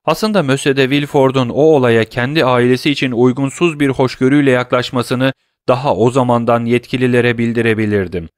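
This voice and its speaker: A man's voice: medium pitch, fairly even intonation, a little fast, no room sound, studio quality, lightly acted. Man doing Morel, an impassioned young lover. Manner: impassioned, declaiming accusations. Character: young man, grief-stricken and vengeful lover.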